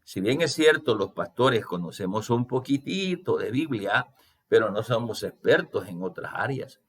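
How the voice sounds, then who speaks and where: A man's voice: medium pitch, lively intonation, moderate pace. A man pastor preaching a sermon, asking rhetorical questions and acting out quotes, often hesitating and repeating words.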